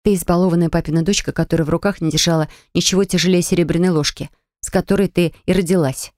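Casting: actress as cutting, sardonic young tomboy for audiobook dialogue, lowish female voice. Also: fairly even intonation, fast, a little mellow, no room sound, studio quality, natural voice. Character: blunt, sardonic tomboyish young woman traveller.

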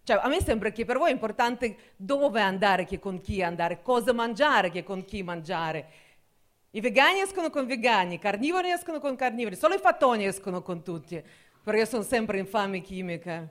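A young woman from Russia with a Russian accent, performing a deadpan, ironic stand-up comedy set in Italian with slight grammar slips. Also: mid-range voice, a little fast.

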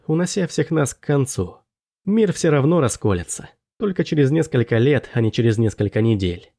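A man narrating a first-person fantasy audiobook in a measured, steady storytelling manner. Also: medium pitch.

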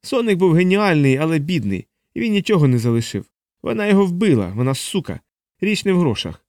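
A man's voice: fairly high pitch, very animated, brisk, a little mellow, no echo, clean studio sound, voice pushed up. A man doing a shrieking, panicked plump man. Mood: desperate pleading. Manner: squealing, frantic, rambling. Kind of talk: audiobook character voice.

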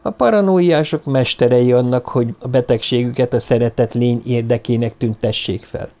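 A man voicing a weary woman who speaks with cool, measured bitterness in an audiobook. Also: mid-range voice, warm tone, lightly acted. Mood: bitter.

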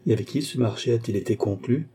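Man reading as a courtly old cardinal, vain, smooth-tongued, husky, storybook. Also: mid-range voice, fast talker, mellow, close to an everyday voice.

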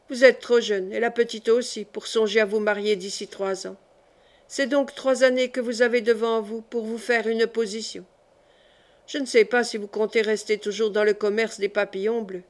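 A woman's voice: on the high side, steady tone, moderate pace, natural voice. A woman reading aloud as a stout, blunt middle-aged shopkeeper who speaks plainly and directly, in an audiobook. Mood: businesslike.

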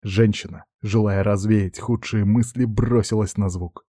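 A man reading a novel aloud as scripted narration in a steady, measured way. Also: on the low side, no echo, studio quality. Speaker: audiobook narrator.

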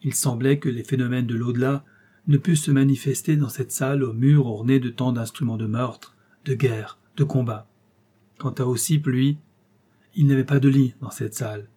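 A man narrating an audiobook with dark, mellow tone and a husky edge. He reads in dramatic, measured phrases, pausing often between clauses. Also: medium pitch, fairly even intonation. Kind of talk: audiobook reading of a serial novel.

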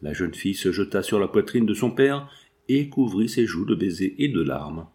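A man narrating a nineteenth-century novel as an audiobook, in an even literary storytelling manner. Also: lowish voice, moderate pace. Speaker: audiobook reader.

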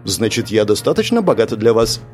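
A man voicing a young rich woman who turns from frightened to bold, asking quick questions. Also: on the low side, big pitch swings, faint music behind. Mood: teasing.

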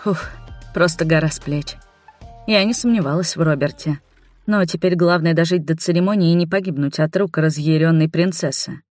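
A woman reading a fantasy story aloud in the first person, steady and expressive. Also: low-pitched, normal speed, no room sound, clean studio sound, soft background music. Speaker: audiobook narrator.

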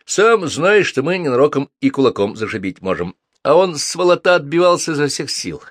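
A man voicing a burly young male thug who talks roughly and brags about a beating he handed out. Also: on the high side, very animated, brisk, dry recording, studio quality, voice pushed up. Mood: rough boastful. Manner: rough, swaggering street talk.

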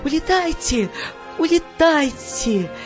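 A woman reading an audiobook, putting on a higher voice for a gentle young boy who calls out urgently. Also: sing-song, moderate pace, highs cut off, music in the background. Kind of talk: audiobook character voice.

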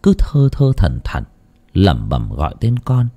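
A man telling a dramatic village story as narrator, animated and shifting into character voices. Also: low voice, measured pace.

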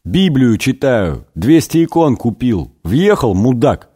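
A man's voice: medium pitch, very animated, slow pace, mellow, husky, voice pushed up, full character voice. A man voicing a despairing, foul-mouthed billionaire. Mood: exasperated. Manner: lifeless, then swearing. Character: despairing, crude male billionaire.

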